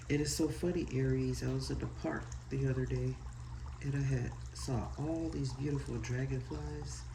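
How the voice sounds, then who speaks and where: A tarot card reader with a head cold and a stuffy nose chats loosely and apologetically, reading aloud from a guidebook in a mid-range voice. Recorded from a distance in an echoey room, the clip has background noise.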